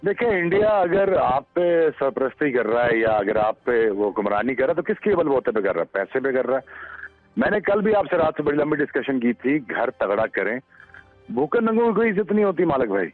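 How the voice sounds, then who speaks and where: A man, a TV panel guest lecturing forcefully. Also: medium pitch, sing-song, a little fast, no room sound, faint music behind. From Pakistan. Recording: tinny phone-like broadcast audio.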